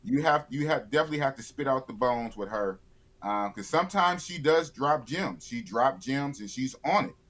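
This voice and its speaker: A man's voice: mid-range voice, lively intonation, moderate pace, fairly bright tone. A man of fifty, a YouTuber guest in a casual live interview, blunt and opinionated, often repeating himself. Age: 50s.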